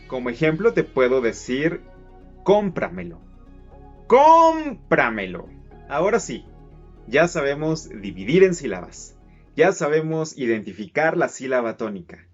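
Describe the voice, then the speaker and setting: A man's voice: medium pitch, muffled recording. A man teaching casually, stretching words out syllable by syllable to show how they sound. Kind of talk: casual explainer lesson.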